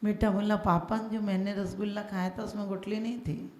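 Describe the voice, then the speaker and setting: Gravelly-voiced woman preaching in an echoey hall. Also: medium pitch, flat delivery, moderate pace. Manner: storytelling, acting out characters' lines, occasionally chanting verses. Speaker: Jain nun preacher. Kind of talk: sermon with stories and verses.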